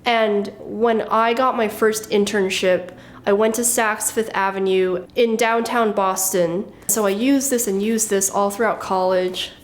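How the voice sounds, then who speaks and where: A woman's voice: medium pitch, steady tone, a little slow, a little hiss or hum. Wry, matter-of-fact woman vlogger. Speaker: fashion vlogger. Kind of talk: casual show-and-tell.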